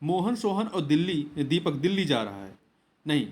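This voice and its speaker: A man's voice: a little high, big pitch swings, moderate pace. A male teacher going through exam questions one by one, repeating key words and asking and answering his own questions. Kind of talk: explaining Hindi exam answers.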